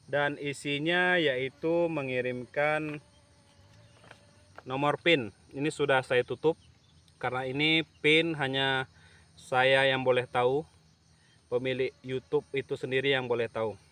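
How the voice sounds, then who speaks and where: A man talking casually to camera in a vlog outdoors at a plantation, slow and halting with many fillers. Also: medium pitch, fairly even intonation, fairly bright tone, clear, resonant tone. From Indonesia. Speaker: YouTube channel owner. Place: outdoors at an oil palm plantation. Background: insects and rural outdoor ambience.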